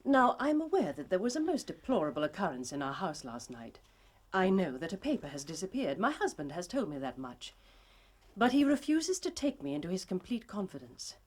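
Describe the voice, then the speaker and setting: A woman's voice: lowish voice, sing-song, a little fast. An actress playing a proud, anxious young aristocratic English lady in a period drama, formal and emphatic in her upper-class accent. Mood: urgent, pleading. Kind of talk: British period drama acting.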